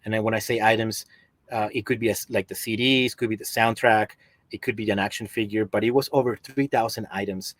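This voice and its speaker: This podcast guest, a middle-aged Peruvian with an accent to match, chats informally about collecting from a basement room at home via video call. He talks briskly in a lowish, steady, fairly bright voice without any echo.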